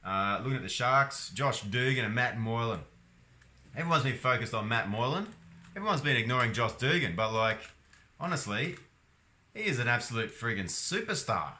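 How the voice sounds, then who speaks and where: A man's voice: medium pitch, animated, moderate pace, bright, forceful tone. A young Australian man talking casually about rugby league in his own vlog, rambling and hesitant with lots of ums and restarts. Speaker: sports vlogger.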